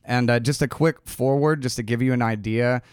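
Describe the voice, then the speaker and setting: A man's voice: medium pitch, fairly even intonation, a little fast, clear, resonant tone, no echo, clean studio sound. A man co-hosting a podcast who leads the story in casual chat, joking as he goes. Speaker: podcast co-host.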